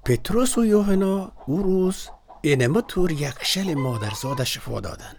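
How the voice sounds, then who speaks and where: A man's voice: a little high, animated, vocal fry, noisy background. A man with an Afghan Dari accent, acting in a radio drama as a devout husband who patiently explains matters of faith. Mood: earnest. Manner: earnest, explanatory.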